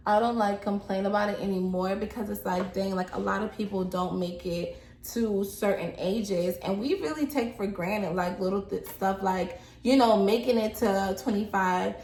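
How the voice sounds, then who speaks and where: A woman's voice: mid-range voice, moderate pace, a little mellow. A woman in her twenties chatting casually about getting older, talking with lots of "like" fillers. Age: 20s. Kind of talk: casual chat. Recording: echoey room with faint noise.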